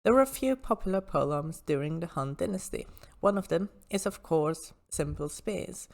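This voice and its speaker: A woman's voice: low voice, lively intonation, moderate pace, creaky, a little mellow. A woman hosting an informal explanatory history talk, with hesitant asides as she explains.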